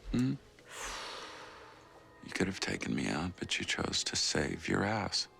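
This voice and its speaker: Cold mocking film assassin, deep gravelly voice. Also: male voice, lively intonation, a little slow, bright, forceful tone, full character voice. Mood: taunting. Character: menacing taunting male assassin.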